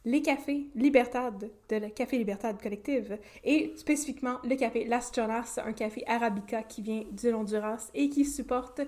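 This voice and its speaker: A woman with a Québécois French accent chats through a podcast. Her voice sits high. She is playful and quick to laugh. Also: darkish tone. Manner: playful, chatty, laughs often. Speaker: podcast co-host. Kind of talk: casual chat.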